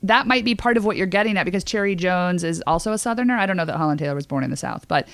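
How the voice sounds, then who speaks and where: An American woman with a lowish voice races through her lines as a podcast co-host, chatting casually in a dry recording. She's chatty and opinionated, saying "like" often.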